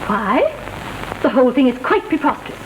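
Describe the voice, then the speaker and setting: A woman's voice: high-pitched, big pitch swings, moderate pace. A woman playing a condescending middle-aged aristocratic English aunt, formal and clipped, in witty period banter from a 1930s drawing-room comedy. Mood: imperious, formal. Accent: upper-class English. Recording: noisy, hissing 1930s film soundtrack.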